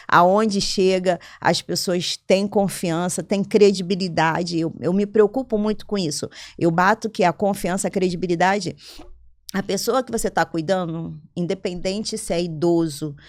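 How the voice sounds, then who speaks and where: A businesswoman being interviewed, telling her story in a lively, conversational way, often acting out her own quoted lines and asking "entendeu?". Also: on the low side. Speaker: interview guest, business owner.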